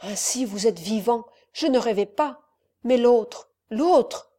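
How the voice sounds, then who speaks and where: Woman reader as a furious count, contemptuous, loud, mellow tone. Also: fairly high pitch, moderate pace, lightly acted. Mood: haunted. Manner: raging, contemptuous, raised voice. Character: furious cruel nobleman count, a father.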